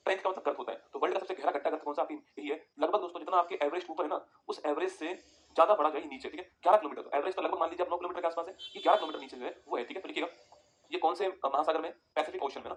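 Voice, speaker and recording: A man teaching a geography lesson over a map, talking quickly and repeating points for students to write down. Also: on the high side, slight background noise. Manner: rapid, repetitive, tells students to write points down.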